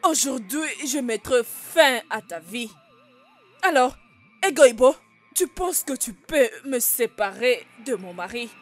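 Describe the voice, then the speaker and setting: A woman's voice: a little high, expressive, slow, faint music behind. A woman voicing a jealous, scheming co-wife in a dubbed film, harsh and threatening. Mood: menacing.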